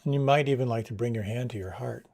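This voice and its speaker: A man leading a guided meditation, giving slow, soft, soothing instructions. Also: mid-range voice.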